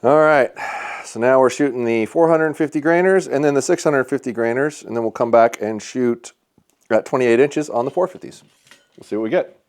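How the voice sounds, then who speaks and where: A man's voice: medium pitch, normal speed, a little mellow. A man reviewing a bow indoors at an archery shop range, casually thinking aloud as he reads off measurements. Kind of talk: hands-on product testing talk.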